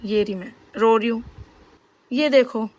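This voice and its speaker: Young female vlogger with a high voice, talkative and rambling, speaks straight to camera. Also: unhurried, a little mellow, dry recording. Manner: chatty and rambling, addresses viewers directly. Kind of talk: casual vlog chat.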